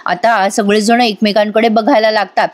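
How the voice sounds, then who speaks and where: A woman's voice: mid-range voice, level tone, normal speed. A woman giving a chatty voice-over recap of a TV serial, speaking to her viewers directly with little asides. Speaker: TV serial reviewer.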